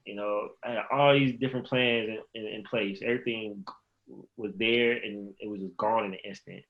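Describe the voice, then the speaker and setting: A podcast guest in his thirties, a former pro basketball player from the Chicago area, tells a meandering story in a casual interview, acting out conversations he remembers. His voice is on the low side, steady and at a normal pace, though the recording sounds muffled.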